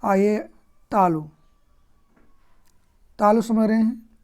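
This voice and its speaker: Woman teacher, slow and patient, mellow low-key tone, asks and answers her own questions. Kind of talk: grammar lesson.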